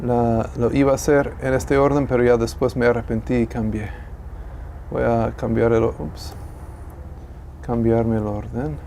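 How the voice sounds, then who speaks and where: A man's voice: medium pitch, flat delivery, a little slow, vocal fry, dark tone, a little hiss or hum. A man teaching a classroom Bible lesson, thinking aloud, correcting himself and asking the class questions.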